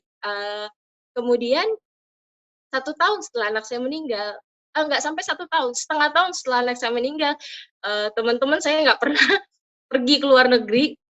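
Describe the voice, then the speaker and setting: Bright-voiced woman giving earnest testimony. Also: on the high side. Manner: earnest, heartfelt, addresses the congregation directly. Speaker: church member giving testimony. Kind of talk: personal testimony at an online prayer service.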